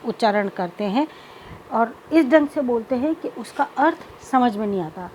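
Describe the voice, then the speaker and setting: A woman lecturer explaining childhood speech disorders in a measured teaching manner, slipping English terms into her explanations. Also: on the high side, a little mellow, a little hiss or hum, low-quality recording. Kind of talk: recorded lecture.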